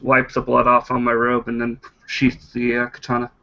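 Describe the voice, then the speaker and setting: A man playing a tabletop role-playing game narrates his character's moves vividly but hesitantly, with lots of "uh"s, in casual play. His medium-pitched voice is monotone at a normal speed, gravelly, pushed and bright. The sound is lo-fi.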